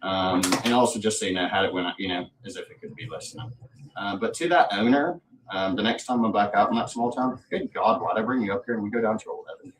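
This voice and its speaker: His lowish voice moves at a quick pace as he hosts a livestream, boasting through a casual, profanity-heavy ramble. Faint noise sits under the roomy, distant-mic sound.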